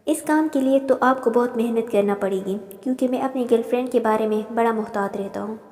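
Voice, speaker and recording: A woman's voice: on the high side, a little fast, a little mellow, lightly acted. A woman voicing a teasing, protective young man, the older cousin in a storybook reading. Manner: dry, mocking. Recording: roomy reverb.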